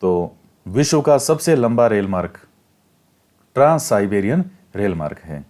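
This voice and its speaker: A male teacher talks through a textbook chapter at a measured, even pace. He reads a line, then explains it again in plainer words and repeats key points so students can remember them. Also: fairly low pitch. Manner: explains step by step, repeats key facts for exam prep. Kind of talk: classroom lecture reading and explaining a textbook.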